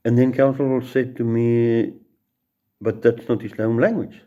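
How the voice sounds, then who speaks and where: Heard through narrow, tinny audio, a middle-aged judge with an Afrikaans South African accent speaks in a steady, mid-range voice at an unhurried pace. He delivers a casual law lecture built around courtroom tales, with repeated words and restarts.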